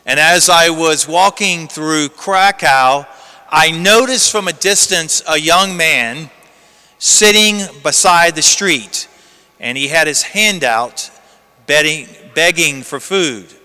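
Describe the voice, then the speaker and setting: A man's voice: a little high, slow, bright, forceful tone, clear, resonant tone. A man, a priest, reading the gospel and giving an earnest storytelling homily, his voice carrying a cathedral echo. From United States. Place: large church. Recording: long church reverb.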